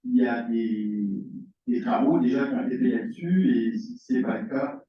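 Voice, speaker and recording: A man on a thesis jury asking the candidate a measured question, thinking aloud as he goes. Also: medium pitch. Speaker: jury member. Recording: distant echoey room mic, dull sound.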